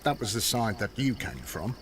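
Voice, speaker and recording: An actor playing a dutiful London police constable in a video game, official and matter-of-fact. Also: male voice, fairly low pitch, big pitch swings, moderate pace, far from the mic, slight background noise.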